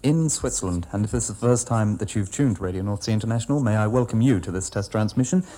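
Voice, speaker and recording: Male radio presenter, lowish mellow voice, polite and formal with listeners. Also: quick pace. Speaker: radio announcer. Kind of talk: presenting a radio test transmission.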